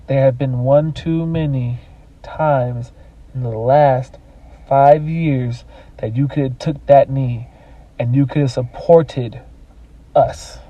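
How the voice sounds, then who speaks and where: A man co-hosting a podcast from home, talking in a restrained, measured and low-key way while holding back anger. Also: mellow, distant mic, dull audio. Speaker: podcast co-host. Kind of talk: casual podcast talk. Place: home at night.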